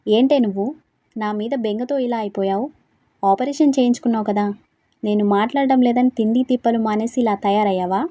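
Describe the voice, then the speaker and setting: A woman voicing a teasing, stubborn young husband who talks loudly and presses his point. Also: a little high, a little fast, no room sound, lightly acted.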